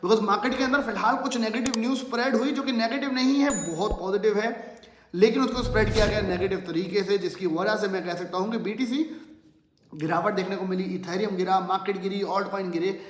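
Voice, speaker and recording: A man's voice: high voice, a little fast. A man hosting a market commentary channel, talking viewers through the news in a persuasive, promotional way and slipping in English phrases, recorded in a bare room with heavy echo. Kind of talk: casual market explainer to viewers. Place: room with almost no furniture. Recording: echoey sparsely furnished room.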